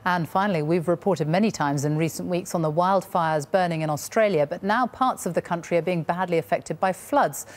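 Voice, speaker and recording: A woman's voice: lowish voice, fairly quick, few pauses. A British woman presenting studio news from a script.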